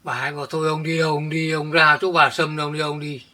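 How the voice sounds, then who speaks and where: A man's voice: a little high, little pitch movement, quick pace, bright, forceful tone. A man playing an older village man thrown out by his jealous wife, who stumbles and repeats words when upset. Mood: weary. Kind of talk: village family drama acting.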